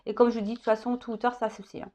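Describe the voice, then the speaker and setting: This tarot reader, a woman in her thirties, talks very fast in a fairly high, mellow voice with a level tone. Her guidance reading is relaxed, full of chatter and jokes, with "hein" tagged onto phrases.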